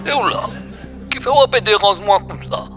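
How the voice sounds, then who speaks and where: A man's voice: high-pitched, fairly quick, bright, forceful tone, soft background music, a faint crowd. A man playing an irritated, insulting friend, scolding down the phone in a comedy sketch.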